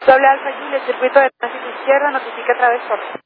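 A man's voice: very high voice, level tone, fast talker. A man working as an air traffic controller, giving procedural instructions over aviation radio. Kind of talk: procedural tower radio communication. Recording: tinny, noisy air-band radio.

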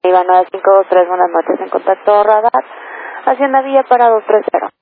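A man working as an approach controller, giving quick, curt commands over a crackly two-way radio. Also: sits high, creaky. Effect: crackly two-way radio transmission. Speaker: air traffic approach controller. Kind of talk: clipped radio phraseology. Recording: narrowband radio channel with faint hiss.

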